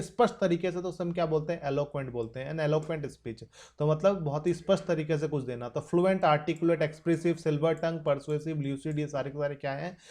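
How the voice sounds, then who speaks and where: Mellow Indian man teaching vocabulary. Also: on the high side. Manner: explains in Hindi, reads English example sentences slowly. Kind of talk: exam-prep vocabulary lesson.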